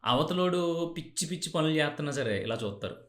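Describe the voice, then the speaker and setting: A man's voice: a little high, expressive, fast talker, fairly bright tone. A man hosting a motivational podcast, talking directly to the listener. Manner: direct, addresses listener as you. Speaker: podcast host. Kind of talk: motivational talk. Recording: roomy echo.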